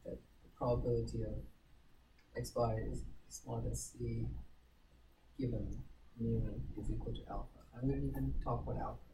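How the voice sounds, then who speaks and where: A man's voice: medium pitch, flat delivery, moderate pace, vocal fry, pauses often, dark tone, husky, low-quality recording. A male student in a classroom, hesitantly asking a question and rephrasing it as he goes.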